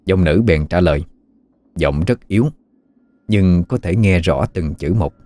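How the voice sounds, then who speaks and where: A man narrating a horror story in a measured, even way. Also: deep voice, dry recording. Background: faint music.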